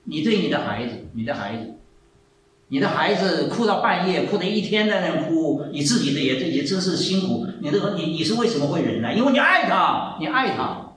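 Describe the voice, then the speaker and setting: A man in his seventies preaching a sermon, telling stories with lively, repeated phrases. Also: a little high, brisk, a little hiss or hum. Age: 70s. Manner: animated storytelling, repeats phrases. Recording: echoey hall, mic far off, faint ambience.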